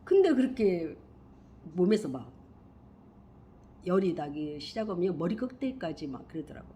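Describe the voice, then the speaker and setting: A middle-aged woman telling a personal spiritual story in a rambling, emphatic way, swinging from hushed to loud. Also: fairly low pitch, big pitch swings, normal speed. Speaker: spiritual vlogger.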